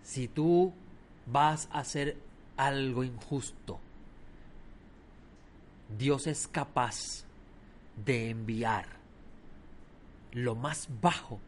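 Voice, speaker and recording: A man preaching a sermon, telling stories with lively swings between loud emphasis and quiet asides. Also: mid-range voice, very slow, pauses often, a little hiss or hum.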